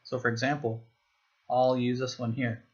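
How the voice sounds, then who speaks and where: A man giving a screen-recorded software walkthrough, explaining each step plainly. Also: mid-range voice, little pitch movement, normal speed, muffled recording. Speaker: software demo presenter.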